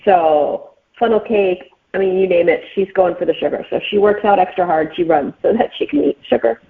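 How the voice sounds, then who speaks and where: A woman with a lowish voice talks briskly as an author guest in a casual interview, explaining things informally and using lots of filler phrases. The sound is thin and band-limited, like a phone call.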